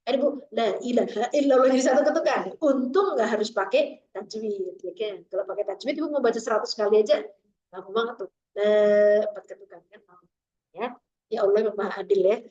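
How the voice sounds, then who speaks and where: A woman teaching Quran recitation, slowly drawing out the letter sounds in drills. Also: a little high, warm tone. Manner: slow, drawn-out demonstrations of letter sounds. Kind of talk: tajwid lesson with drills. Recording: echoey, dull lo-fi room recording.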